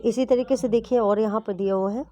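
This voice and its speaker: A woman's voice: fairly high pitch, fairly even intonation, a little fast, warm tone, highs cut off. A woman teaching English grammar to exam students, explaining patiently and often checking whether the class follows. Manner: patient, repeats and checks understanding.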